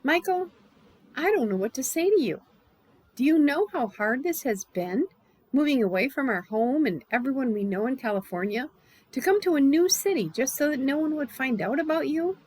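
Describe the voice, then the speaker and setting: Brief: older woman voicing a weary, stern mother, husky and lively in pitch. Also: normal speed, low-quality recording. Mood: exasperated. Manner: stern, exasperated questioning. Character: worried tired middle-aged mother.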